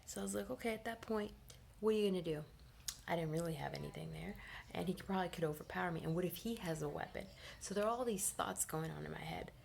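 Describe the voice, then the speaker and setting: A young woman in her twenties telling a personal story in a casual, rambling way, often dropping into a whisper and filling gaps with "you know". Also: vocal fry. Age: 20s. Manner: animated, rambling, frequent fillers like "you know"; drops often into a low whisper. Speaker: vlogger.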